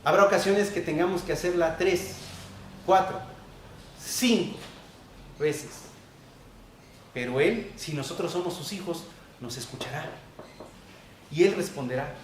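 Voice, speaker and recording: A male pastor preaching a sermon, repeating key phrases and swinging between loud emphasis and quiet asides. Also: high-pitched. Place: church hall. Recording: echoey church hall, distant mic.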